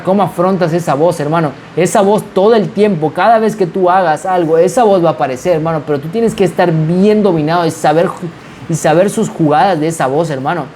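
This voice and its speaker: A man's voice: sits high, a little mellow, slight background noise. A man giving an insistent, repetitive motivational monologue. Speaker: motivational speaker.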